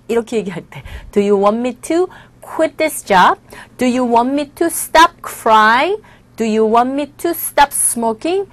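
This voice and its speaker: A woman teaching English phrases in a lively lesson, drilling example sentences with playful emphasis. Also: a little high, dry recording.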